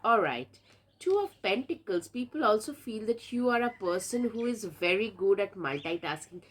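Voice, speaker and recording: Woman doing a tarot reading w a stuffy nose, chatty, lots of "like" and repeats, mid pitch. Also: lively intonation, moderate pace, husky. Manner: chatty, repeats words, many fillers. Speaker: tarot reader. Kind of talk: casual tarot reading to camera.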